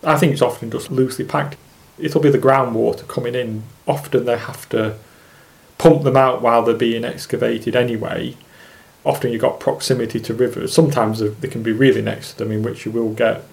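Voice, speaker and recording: Creaky and a little mellow at medium pitch, the Lancashire specimen angler muses on the podcast as a guest, offering loose, improvised explanations.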